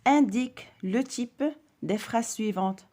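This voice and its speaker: Slow, deliberate woman teaching grammar. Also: a little high, mellow. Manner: slow, deliberate, stressing example sentences. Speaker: primary school teacher. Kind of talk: grammar lesson.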